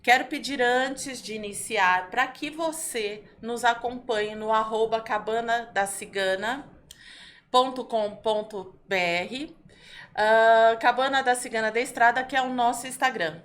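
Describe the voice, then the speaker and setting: A woman's voice: on the high side, a little slow, a bit bright. Woman hosting a podcast, chatty. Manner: friendly, conversational questions. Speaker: podcast host. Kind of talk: casual podcast interview. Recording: faint background noise.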